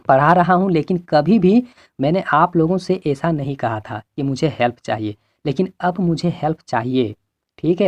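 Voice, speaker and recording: A man's voice: a little high, dry recording. A male teacher walking students through exam questions in an earnest, repetitive way, with a Hindi-belt Indian accent. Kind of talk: exam-prep lesson.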